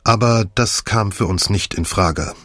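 A man's voice: on the low side, measured pace, a bit bright, no echo, clean studio sound. A man voicing a chatty, sentimental older woman in an audiobook, talking in a gushing way. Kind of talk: audiobook character voice.

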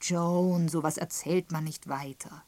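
A woman's voice: low-pitched, steady tone, unhurried, a little mellow, no room sound. A woman reading the part of an older male clergyman in an audiobook, reproachful and protesting. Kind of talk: audiobook character voice.

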